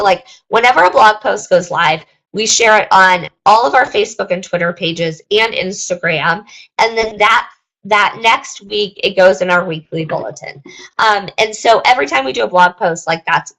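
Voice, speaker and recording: Young woman host, gravelly fry, fading voice, rambling casual webinar talk. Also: medium pitch, a bit bright, low-quality recording. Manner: rambling, lots of ums and likes. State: losing her voice.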